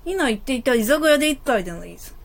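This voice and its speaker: A woman playing an ancient male lamp genie in a comic stage play, proud and exasperated, with gruff, old-fashioned, bossy speech. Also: sits high, expressive, fast, heavily acted. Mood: coaxing.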